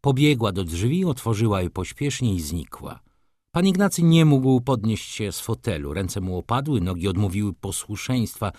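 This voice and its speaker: Expressive male audiobook narrator. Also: fairly low pitch, normal speed, no room sound, studio quality. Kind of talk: scripted literary narration.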